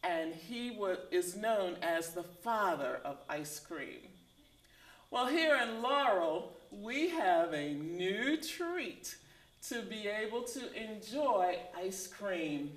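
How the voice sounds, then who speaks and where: A woman hosting a community talk show, explaining in a measured storytelling way. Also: mid-range voice, very animated, reverberant. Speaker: host.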